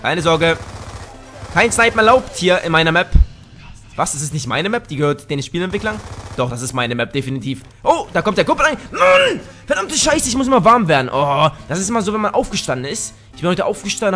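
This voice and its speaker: A young man rambling through live gameplay commentary, joking, having just woken up and bursting into loud shouts. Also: on the high side. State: just woke up. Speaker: gaming YouTuber. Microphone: headset.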